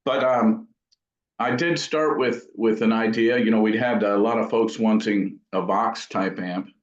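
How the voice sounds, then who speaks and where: A man with a lowish, steady voice talks at a measured pace in an interview about his work building amps, his explanations casual, thoughtful and rambling. The recording has a dull, echoey room quality.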